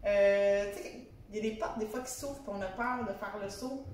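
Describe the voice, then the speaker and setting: A woman's voice: mid-range voice, fairly quick, a little mellow. A woman with a Québécois French accent conducting a casual conversational interview as a fellow interior designer. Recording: very echoey room, distant mic, faint noise.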